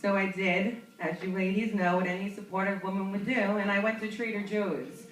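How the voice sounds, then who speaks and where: A young stand-up comedian from New York speaks briskly in a mid-range voice with fairly even intonation. She tells a chatty, self-mocking story and laughs through her punchlines, recorded from a distance in a roomy club.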